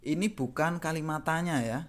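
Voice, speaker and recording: A man's voice: fairly high pitch, steady tone, normal speed. A man with an Indonesian accent teaching Japanese grammar in a patient, repetitive way, often ending points with a tag question. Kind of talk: grammar lesson explanation.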